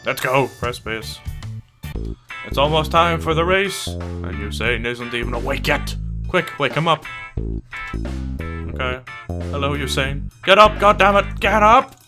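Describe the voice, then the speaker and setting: A man hosting a comedic game commentary video, goofy and excitable, chatting to the characters on screen. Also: mid-range voice, takes it slowly, pauses often. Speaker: gaming video host. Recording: game music playing behind voice. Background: game music.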